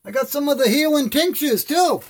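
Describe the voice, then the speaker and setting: High-voiced man with toothless, lips-over-gums speech. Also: lively intonation, moderate pace. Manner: rambling, friendly, addresses viewers as buddy. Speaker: live stream host. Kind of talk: casual chat to live stream viewers.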